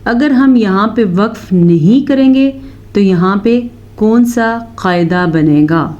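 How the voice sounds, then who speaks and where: A woman teaches Quran recitation, going through the rules and turning to her students with questions. Her voice is warm and mellow. The recording sounds a little dull and muffled. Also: mid-range voice. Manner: explains rules, then recites verses slowly and drawn out; addresses students directly. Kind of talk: recitation lesson.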